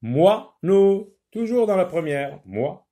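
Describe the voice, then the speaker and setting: Slow, patient man teaching phonics. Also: mid-range voice, big pitch swings, dark tone. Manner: slow, repeats words syllable by syllable; switches into Arabic to explain. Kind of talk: French phonics lesson for children.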